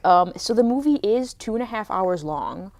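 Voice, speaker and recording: A woman's voice: medium pitch, animated, moderate pace. A young adult woman co-hosting a podcast, chatting casually about a film and filling her talk with "like". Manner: chatty, lots of "like" fillers. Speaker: podcast co-host reviewing a film. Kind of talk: casual chat.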